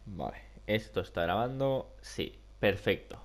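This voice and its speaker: A man's voice: lowish voice, measured pace, loud music behind the voice. A young man with a Spain Spanish accent and a nasal, duck-like voice congested by a cold, chatting casually and colloquially as a gaming YouTuber. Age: young adult. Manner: rambling, colloquial. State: sick with a cold. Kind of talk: casual chat over gameplay. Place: small room at home.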